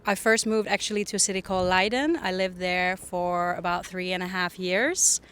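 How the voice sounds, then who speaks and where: A young Finnish woman, a native Finnish speaker, talks as a podcast guest on a public bench by a harbour outdoors. Her voice is lowish, clear and resonant, a bit bright, with flat delivery at a moderate pace. The chat is a casual interview, and she laughs often and fills her speech with "like."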